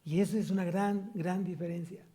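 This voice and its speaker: A man's voice: sits high, steady tone, moderate pace, mellow. A man with a Mexican Spanish accent preaching a sermon as pastor, asking the congregation rhetorical questions and rising to emphatic peaks.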